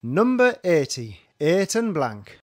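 A man's voice: on the high side, very animated, slow, no echo, clean studio sound. A man working as a bingo caller, announcing numbers and their rhyming nicknames in a set sing-song pattern.

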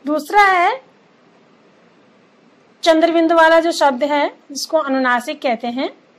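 A woman teacher giving an online grammar lesson to children, slowly listing examples word by word. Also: high-pitched, steady tone, low-quality recording. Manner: slow, clear, listing examples one by one.

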